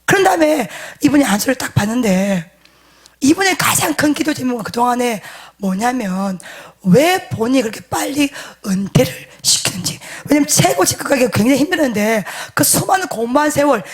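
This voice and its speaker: Woman pastor, high voice with wide swings, animated sermon storytelling that moves from hushed to emphatic. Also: a little fast, breathy edge. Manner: addresses the congregation directly, seeking agreement.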